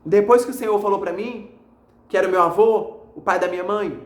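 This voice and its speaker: A man's voice: high voice, brisk. A man, a pastor giving a fervent, repetitive religious testimony and calling listeners his brothers. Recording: echoey room.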